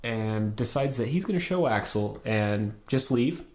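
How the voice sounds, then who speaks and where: A man's voice: medium pitch, expressive, unhurried. A man hosting a casual film review podcast, recapping the plot in a laid-back way with crude jokes.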